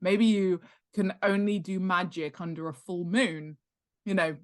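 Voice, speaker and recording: A woman with a lowish voice and measured pace explains ideas informally as an expert podcast guest, an author and world-building authority, in a casual instructional interview. Emphatic and animated, she repeats key points, throws in rhetorical questions, and acts out examples.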